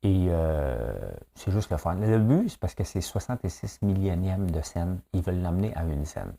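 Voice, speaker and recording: A Québécois man talks through the day's news on his own, chatty and loose, tossing in little tag questions and exclamations. His voice sits low, with a dark, mellow warmth. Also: animated, normal speed, vocal fry. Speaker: morning news commentator. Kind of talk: casual solo commentary.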